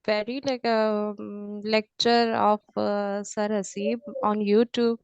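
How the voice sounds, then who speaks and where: A woman with a Punjabi accent, an English learner speaking hesitantly and with frequent pauses as a student in an online lesson. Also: mid-range voice, level tone, gravelly, clean tone, no echo, highs cut off. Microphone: online call.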